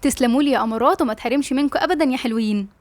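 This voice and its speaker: A woman's voice: sits high, racing, no echo. A woman with an Egyptian accent hosting a channel and reading a novel aloud with affectionate, chatty asides. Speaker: audiobook narrator and channel host.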